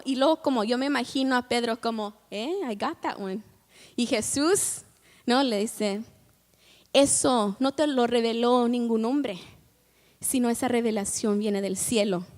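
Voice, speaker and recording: A woman's voice: very high-pitched, a bit bright, long reverb tail. A woman preacher giving a bilingual sermon, switching between Spanish and English, asking the congregation questions and acting out scenes with quoted voices. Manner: asks the congregation frequent questions. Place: church sanctuary.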